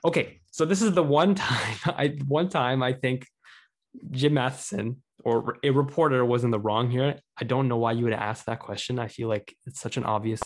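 A man's voice: mid-range voice, moderate pace. Chatty man hosting a sports podcast. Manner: chatty, reads out stats and quotes. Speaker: podcast host. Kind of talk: casual sports chat.

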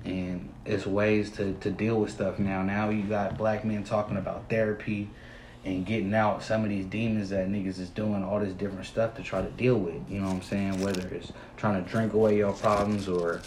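A man's voice: lowish voice, little pitch movement, moderate pace, echoey room, slight background noise, rough recording. A man guesting on a casual podcast, speaking in an earnest, slangy way and asking "you feel me". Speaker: podcast guest and fellow host.

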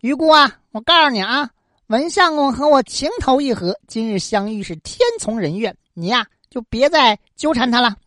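A woman's voice: fairly high pitch, expressive, moderate pace, a bit bright, no echo, clean studio sound, voice pushed up. A woman voicing a haughty young lady.

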